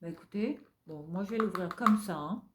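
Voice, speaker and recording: A woman's voice: on the low side, brisk, background noise. A woman with a French accent chatting through a product haul, gushing over finds and tagging nearly every phrase with a filler. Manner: chatty, tags most phrases with "hein". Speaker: haul vlogger. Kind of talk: casual product haul chat.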